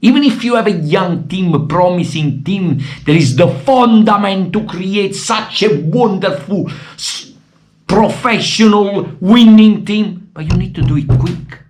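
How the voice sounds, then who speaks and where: His high-pitched voice is fraying as he goes: an Italian football fan vlogger, Italian-accented, giving heartfelt, impassioned commentary and bursting into shouted appeals. He keeps a measured pace even as he loses his voice.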